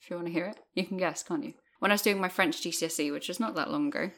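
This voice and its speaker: A woman, co-hosting and chatting casually, animated and full of fillers. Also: lowish voice, very fast. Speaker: podcast co-host. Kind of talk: casual chat recapping a TV episode.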